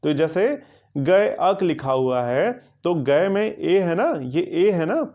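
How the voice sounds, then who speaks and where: A man teaching a grammar lesson for exam coaching. He asks his students questions, answers them himself, and repeats words slowly to drill them. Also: a little high, big pitch swings, a little mellow, muffled recording.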